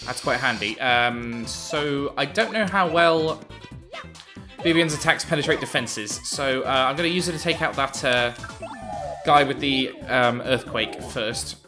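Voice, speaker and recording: A man's voice: medium pitch, measured pace, over music. A man giving casual, amused commentary over a video game playthrough, with frequent ums and uhs. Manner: chatty, amused, hesitant with many ums. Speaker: let's play commentator.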